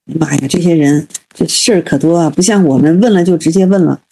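A woman's voice: low-pitched, fairly quick, gravelly, mellow, breathy edge. A woman reading an old tale aloud and retelling it casually, hesitant and thinking aloud as she goes. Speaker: reader explaining a classic tale.

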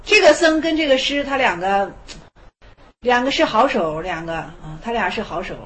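A woman teaching Zen koans in a high voice with a very lively, swooping pitch. She talks it through loosely, repeating phrases and thinking aloud with fillers as she explains the text. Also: normal speed, a little hiss or hum. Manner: acts out the dialogue with sudden shouts and drops. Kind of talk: lively spoken commentary on a Buddhist text.

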